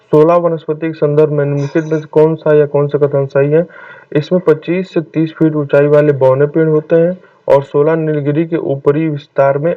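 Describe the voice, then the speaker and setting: A man with a fairly high voice tutors for an exam, reading quiz questions and answers aloud and adding "okay, friends" after each one. There's no echo, but the mic sounds tinny and distant, like a phone.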